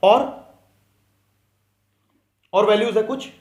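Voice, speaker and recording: A man's voice: sits high, takes it slowly, roomy sound. A man teaching commerce in an online class, reading case questions and pressing students for answers.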